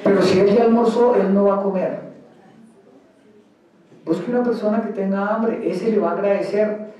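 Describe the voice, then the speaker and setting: A man from Colombia preaches a fervent sermon as pastor, his voice set unusually high. The sound rings through a big reverberant church hall, picked up from well away from the microphone. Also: fairly even intonation, moderate pace, mellow. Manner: emphatic preaching, acts out quoted believers. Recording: very echoey church hall, mic far.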